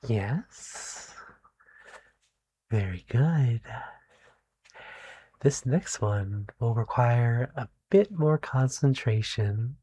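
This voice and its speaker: In an ASMR roleplay, a soft-spoken performer plays a gentle, kindly animal doctor, soothing and encouraging with deliberate pauses. The mid-range voice is animated, with slight background noise.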